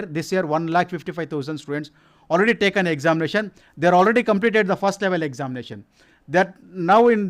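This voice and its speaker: A man speaking English with a Kannada Indian accent, giving an informal presentation in a halting, self-correcting, repetitive way. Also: high voice. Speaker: science organisation representative presenting its activities.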